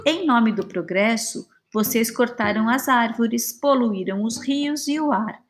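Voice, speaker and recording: A woman voicing a calm, wise cicada lady. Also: fairly high pitch, a little slow, faint music behind. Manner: calm, gentle, explaining.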